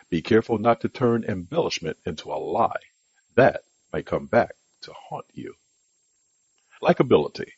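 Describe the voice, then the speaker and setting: A man's voice: on the low side, a little mellow, husky, no echo, muffled recording. A man hosting a podcast, reading a scripted monologue with an emphatic, instructive delivery. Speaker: podcast host.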